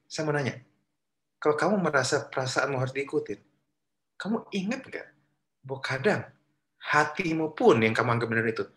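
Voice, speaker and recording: A man's voice: medium pitch, a bit bright. A man with an Indonesian accent giving a casual youth sermon. He often questions his listeners and slips English phrases into his talk. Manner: chatty, asks the audience questions, mixes in English phrases. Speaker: youth pastor. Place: church room. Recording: echoey room.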